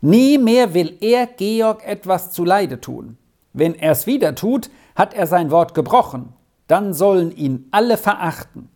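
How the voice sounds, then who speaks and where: Steady, firm young schoolboy, read by a slow audiobook narrator. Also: medium pitch. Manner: calm and firm. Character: calm, steady schoolboy standing up to a bully. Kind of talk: audiobook reading.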